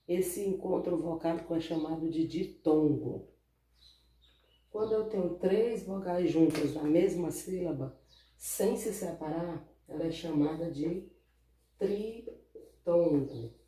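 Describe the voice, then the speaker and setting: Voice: mid-range voice, mellow. Brazilian teacher, echoey and far off. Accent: Brazilian Portuguese. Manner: patient, explains step by step, keeps asking "né?" and "certo?". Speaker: primary school teacher. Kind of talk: recorded online class lesson. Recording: echoey room, voice far from the mic.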